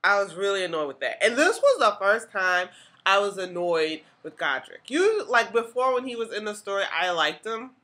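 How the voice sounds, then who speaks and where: The podcast host's mid-range voice is bright and forceful, with lively intonation at a normal speed. Walking through a TV episode, she keeps things casual and talkative, leaning on "like" and often starting over.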